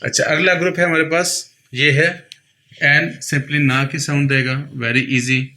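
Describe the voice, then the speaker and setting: Bright-voiced man teaching sounds. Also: a little high, little pitch movement. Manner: patient, repeats each sound slowly for the learner. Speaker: pronunciation teacher. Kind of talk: explaining a lesson.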